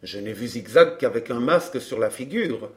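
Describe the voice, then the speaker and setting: Guy reading a smug fake baron, smooth and teasing, never rattled. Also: mid-range voice, lively intonation, normal speed, close to an everyday voice. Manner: smooth, mocking, unbothered. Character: smug, scheming man posing as a baron. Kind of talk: audiobook drama reading.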